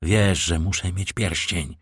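A man's voice: deep voice, slow pace, a bit bright, husky, no room sound, clean studio sound, full character voice. A man voicing a brave, stern young male guard in an audiobook, speaking in a firm, commanding way.

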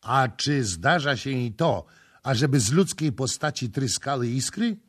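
A man reading aloud, voicing an impatient, imperious young Egyptian prince with a slightly husky voice. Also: mid-range voice, expressive, a little slow. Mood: demanding. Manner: imperious, exclamatory.

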